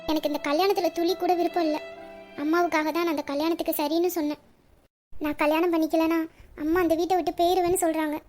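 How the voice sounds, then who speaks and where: A woman's voice: very high-pitched, fairly even intonation, brisk, pauses often, faint music behind. A woman voicing a troubled young woman who speaks hesitantly and evasively about her marriage. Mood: pleading. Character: troubled young bride-to-be, secretly in love. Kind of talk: audio story reading.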